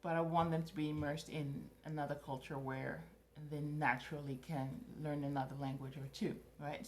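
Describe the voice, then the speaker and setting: A woman in her thirties, raised in Morocco and a native French speaker, chatting casually to camera as a vlogger and thinking aloud with restarts. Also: lowish voice.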